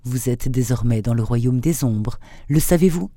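A man's voice: medium pitch, normal speed, dark tone, no echo, studio quality, natural voice. A man reading as an unseen male captor who threatens and interrogates his prisoners. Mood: menacing. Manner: cold, threatening questions.

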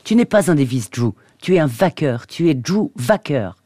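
A man reading aloud the lines of a cold, sharp-tongued teenage girl in a novel, keeping close to his own voice. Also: a little high, sing-song, moderate pace, no room sound. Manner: cold and cutting.

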